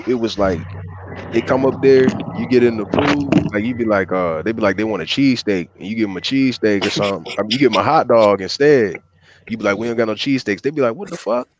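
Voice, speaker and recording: A man's voice: on the low side, fairly quick. A man in a casual streamed chat who tells a rambling story. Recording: dull off-mic audio with clicking noise.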